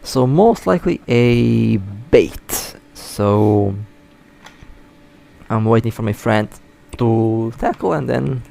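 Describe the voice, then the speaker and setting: A man's voice: medium pitch, takes it slowly, gravelly, dark tone. A man with hiccups giving casual, chatty live commentary while playing a space game, often stumbling and correcting himself. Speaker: mobile space game player.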